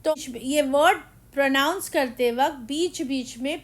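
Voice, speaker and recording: A woman teaching grammar, explaining slowly and deliberately, with the English examples spoken very slowly. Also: sits high. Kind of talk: grammar lesson.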